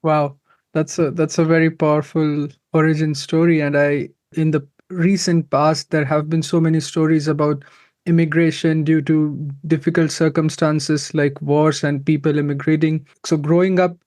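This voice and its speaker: A man hosts an interview show in an upbeat, polished presenter's voice. His pitch sits a little high for a man. He reads a scripted introduction, then moves into friendly questions. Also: level tone, moderate pace, a little mellow. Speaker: podcast host.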